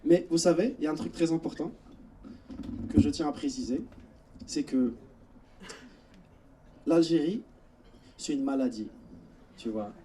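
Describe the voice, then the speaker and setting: A man's voice: on the high side, unhurried, long pauses, warm tone, distant mic, a little hiss or hum. A young man from Algeria, telling stories in a chatty stand-up comedy set on a theatre stage, speaking straight to the audience. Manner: chatty storytelling, addresses audience directly.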